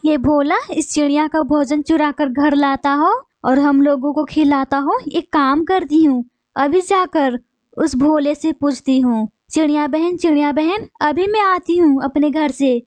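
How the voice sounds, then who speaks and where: A woman's voice: sits high, a little slow, no room sound. A woman voicing a bossy wife bird in a cartoon, scolding and threatening her husband.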